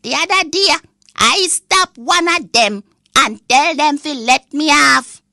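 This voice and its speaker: Woman putting on a cranky, scolding Jamaican granny, bright-voiced. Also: high-pitched, takes it slowly, dry recording, studio quality, full character voice. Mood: outraged. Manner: indignant, scolding, complaining rant. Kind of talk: comic monologue in Jamaican Patois.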